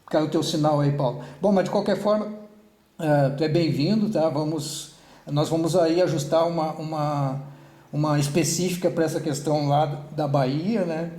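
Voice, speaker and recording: A man's voice: on the high side, steady tone, moderate pace, dark tone, roomy sound. A man coordinating an online meeting, talking casually with many restarts and tag questions.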